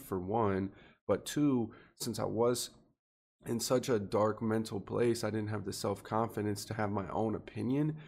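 A man's voice: on the low side, vocal fry, a little mellow. A man in his twenties, a podcast guest, talking earnestly and reflectively in casual chat. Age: 20s. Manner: earnest and reflective, thinking aloud.

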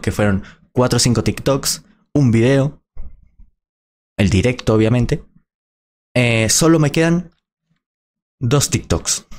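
A man's voice: lowish voice, a little mellow. A man, a small content creator giving blunt, indignant reaction commentary with plenty of swearing.

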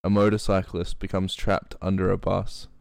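A man's voice: low voice, level tone, normal speed, vocal fry, darkish tone, no room sound, studio quality. A man, co-hosting a casual podcast, laid-back with short replies and news headlines read aloud. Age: late teens. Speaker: podcast co-host.

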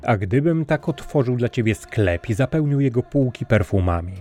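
A man's voice: medium pitch, expressive, normal speed, dark tone, faint music behind, lightly acted. A man voicing a scheming sorcerer who poses as a kindly uncle, speaking in a sweet, sly way in a storybook reading.

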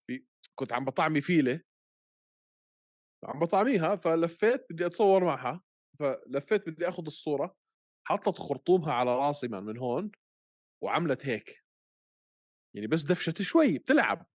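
A man with a Levantine Arabic accent talks quickly in a dry, close sound. He co-hosts a casual podcast, telling stories in an animated way and mixing English words into his speech. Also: on the high side, no room sound. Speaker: podcast co-host.

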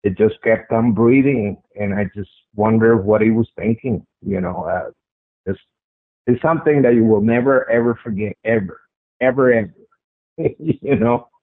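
A man with a strong, fairly low voice speaks at a normal speed, giving a first-person account of something he personally sighted as an interview guest. He talks conversationally and repeats phrases for emphasis. The recording is dry and comes through a tinny, phone-like radio line.

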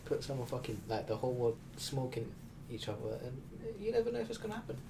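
Young man, London roadman accent, medium pitch, casual banter, faint background noise. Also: very animated, fast talker, creaky. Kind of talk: casual chat among friends.

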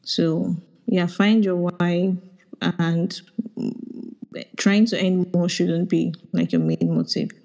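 A Nigerian woman, a product manager, giving reflective career advice in a casual audio chat, often pausing to search for words. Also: lowish voice, animated, vocal fry, a little mellow, low-quality recording. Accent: Nigerian English.

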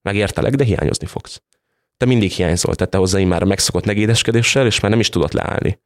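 A man's voice: fairly low pitch, lightly acted. A man voicing a saccharine, ingratiating woman boss in a read-aloud story. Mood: sugary. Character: sugary female office boss.

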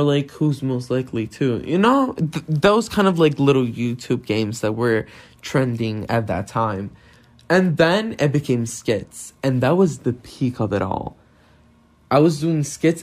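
Rambling nineteen-year-old guy on a phone mic. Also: mid-range voice. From Brazil. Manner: anxious, rambling, swears a lot, many fillers. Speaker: podcast host. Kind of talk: solo confessional podcast.

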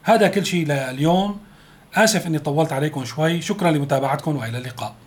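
A man with a Syrian accent delivers a rapid news commentary, racing through his points. His voice sits a little high for a man, and he slips sarcastic, chatty asides into the rundown. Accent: Syrian Arabic. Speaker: political commentator.

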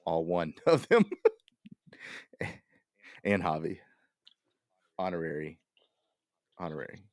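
Deep, excitable podcast host. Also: male voice, takes it slowly, no echo, studio quality. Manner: swearing, excitable, rambling with fillers. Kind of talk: casual podcast chat.

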